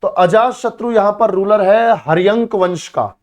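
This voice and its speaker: An unhurried male teacher with a high voice drills students through an exam-prep history lesson. He repeats key words, uses beta and bhai for his students, and asks questions only to answer them himself.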